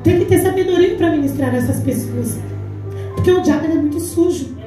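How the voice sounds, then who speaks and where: A woman's voice: extremely high pitch, brisk, mellow. A Brazilian woman in her forties, a deaconess, giving an emphatic testimony sermon at a church women's congress and acting out the dialogue she recounts. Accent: Brazilian Portuguese. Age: 40s. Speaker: deaconess preaching. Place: large church hall. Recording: echoey church hall from far off, faint music.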